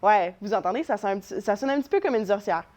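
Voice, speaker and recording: A woman's voice: medium pitch, expressive, quick pace, a little mellow. A young woman teaching a children's voice lesson, encouraging and demonstrating vocal exercises. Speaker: drama teacher. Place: living room at home.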